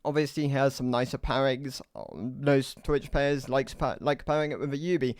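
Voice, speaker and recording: A man's voice: medium pitch, fairly even intonation, normal speed, no echo, clean studio sound. A man giving casual game commentary, explaining loosely with many fillers and restarts, his voice a little worn. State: losing his voice. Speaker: gaming content creator.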